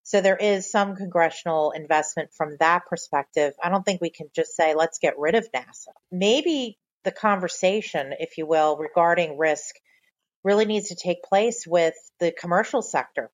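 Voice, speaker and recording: Woman podcast host, kinda low voice, measured interview talk in short careful bits. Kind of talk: conversational interview questioning.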